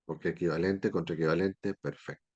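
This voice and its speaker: A man's voice: low voice, steady tone, brisk, breathy edge, muffled recording. A man teaching a university chemistry class, explaining step by step and often checking that his students follow. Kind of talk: classroom lecture.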